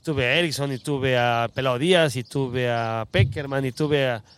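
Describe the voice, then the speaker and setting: A man, a former footballer, telling stories in an animated, laughing way during a casual chat. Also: medium pitch, normal speed, slight background noise. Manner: animated storyteller, laughs often.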